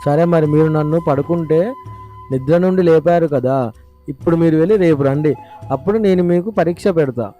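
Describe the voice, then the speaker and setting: A man voicing a poor, bold young farmer in a storybook cartoon, answering with quick wit. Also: on the high side, mellow, soft background music, close to an everyday voice. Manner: bold, quick-witted replies.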